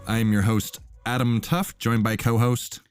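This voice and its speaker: A man's voice: medium pitch, flat delivery, normal speed, soft background music. A young man hosting a casual podcast chat, laid-back and full of fillers. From Minnesota, USA. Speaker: host.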